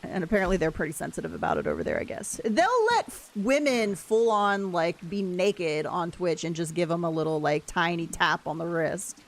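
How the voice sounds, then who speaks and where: A woman's voice: fairly low pitch, moderate pace, few pauses. A woman chatting casually and informally as she livestreams a game, raising her voice a little to be heard, with some casual swearing. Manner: raises voice to talk over rain. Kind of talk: casual livestream chat while gaming. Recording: steady background noise, game rain ambience. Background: game audio with rain.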